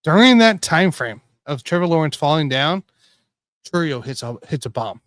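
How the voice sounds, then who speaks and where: A man hosting a casual sports betting show, rambling and correcting himself as he tells excitable stories. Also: fairly high pitch, normal speed, no echo, studio quality. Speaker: podcast host.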